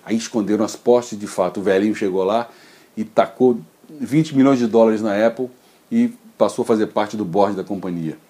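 A man's voice: on the low side, moderate pace, mellow. A man in his forties hosting a daily tech news video from his home office, talking informally and gesturing, recorded on a desk webcam.

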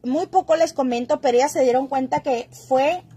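A woman's voice: high-pitched, a little fast, mellow. A woman, hosting a casual gossip livestream, chatting and greeting viewers by name as she reads their comments aloud.

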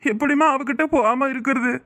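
A woman's voice: high-pitched, fairly even intonation, fairly quick, a bit bright. A woman voicing a worried young husband in a cartoon, pleading and anxious, with a southern Tamil Nadu accent. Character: worried young husband torn between work and wife. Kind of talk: cartoon voice acting.

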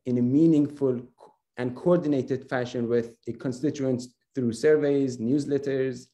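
Mellow-voiced man presenting a platform. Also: mid-range voice, steady tone. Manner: measured, with fillers. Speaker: panel guest, tech founder. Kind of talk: product presentation.

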